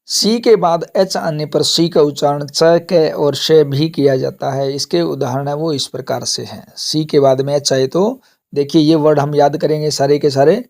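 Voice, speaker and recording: A man teaches an English pronunciation class. His voice sits a little high and he moves slowly through word lists. He keeps asking the class a question and then giving the answer himself. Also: fairly even intonation, darkish tone. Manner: slow, repetitive drilling, asks and answers own questions.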